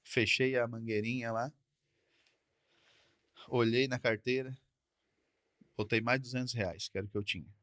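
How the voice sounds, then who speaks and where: A man's voice: mid-range voice, fairly even intonation, moderate pace, long pauses, a bit bright, no room sound. Man telling a trucking story plainly. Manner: repetitive, conversational, frequent tag questions. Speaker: truck driver guest. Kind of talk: casual storytelling. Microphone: podcast studio mic.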